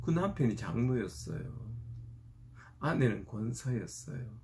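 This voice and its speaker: Animated, gravelly-voiced male preacher. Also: medium pitch, unhurried. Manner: animated storytelling. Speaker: pastor. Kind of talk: sermon.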